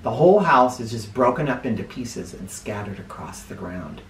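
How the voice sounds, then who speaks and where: A fairly low-pitched, middle-aged American man reads to children from a picture book, hosting with spoken asides. He reads with dramatic expression and deliberate emphasis. Slight background noise accompanies the roomy, echoey sound of a small indoor living room.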